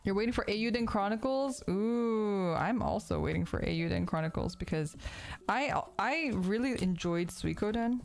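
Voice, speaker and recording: A streamer in her thirties crafts and talks casually in an animated, mid-range voice at a moderate pace, with faint music behind her. Her nose sounds congested and sniffly as she rambles, curses and uses lots of fillers.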